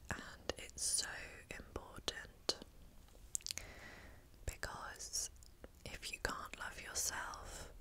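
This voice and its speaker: A woman giving an ASMR pep talk of affirmations in a breathy whisper close to the microphone, soothing and encouraging, with pauses.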